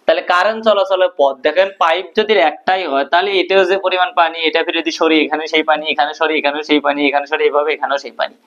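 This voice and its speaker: A man's voice: on the high side, steady tone, fast talker, hardly any pauses, a bit bright. A male teacher explaining a physics proof at a board, asking questions and answering them himself. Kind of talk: physics lesson at a whiteboard. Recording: dull lo-fi recording.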